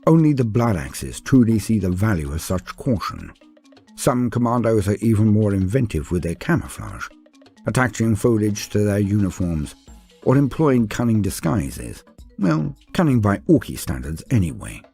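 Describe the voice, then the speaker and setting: Deep, warm, and breathy, this man narrates a Warhammer lore guide. His scripted account of fantasy warfare is grandiose and theatrical, and he speaks to the listener formally.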